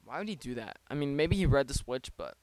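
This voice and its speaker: Rambling man, smooth close-mic voice. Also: mid-range voice, big pitch swings, fast talker, darkish tone, no room sound. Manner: rambling, self-interrupting, joking asides. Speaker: league player. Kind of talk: casual play-by-play of his own online battle. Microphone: close desk microphone.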